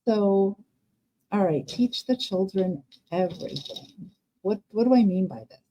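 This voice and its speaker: A woman hosting a livestream, sharing her thoughts with viewers in a casual, unscripted way, halting and tentative as she goes. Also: medium pitch, expressive, warm tone, slight background noise, low-quality recording. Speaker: livestream host.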